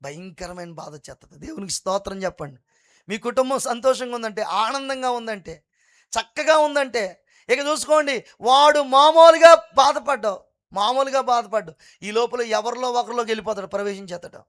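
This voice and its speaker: A man preaching a fervent sermon at an all-night prayer meeting, repeatedly calling on the congregation to praise God loudly. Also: high-pitched, fairly quick. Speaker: pastor.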